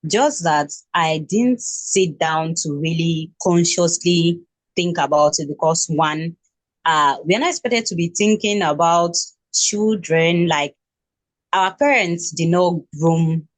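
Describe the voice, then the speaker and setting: Interview guest: Nigerian woman in her twenties, low pitch, halting delivery, dry recording. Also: dry recording. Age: 20s. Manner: hesitant, with many restarts and fillers. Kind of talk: casual interview.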